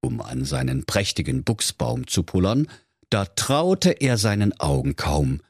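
A middle-aged Saxon storyteller reads a comic fairy tale with a husky, low voice. His delivery swings lively up and down as he turns to the children. The sound is dry and close. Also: measured pace, no room sound. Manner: playful, addresses the children.

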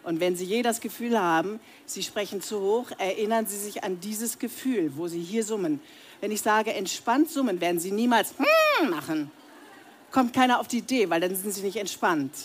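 A woman at medium pitch, with slight background noise, runs a live voice training workshop for an audience in a seminar room. Speaking to them directly, she leads breathing and humming drills and shows how each sound should be made.

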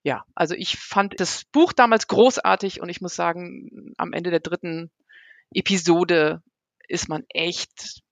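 A woman's voice: fairly low pitch, fairly even intonation, measured pace, dry recording. Thoughtful middle-aged woman, dry sound. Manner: thoughtful, hesitant, searching for words. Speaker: marine biologist guest. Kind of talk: podcast interview.

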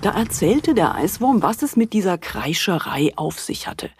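A woman with a husky voice narrating a children's story and speaking to the children. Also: mid-range voice, very animated, moderate pace, darkish tone, slight background noise.

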